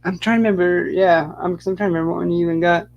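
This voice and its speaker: A man's voice: high voice, steady tone, rapid-fire, gravelly, lo-fi sound. A man co-hosting a casual comic book podcast, talking in a rambling, hesitant way. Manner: rambling, hesitant, full of fillers. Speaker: podcast co-host. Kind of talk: casual chat.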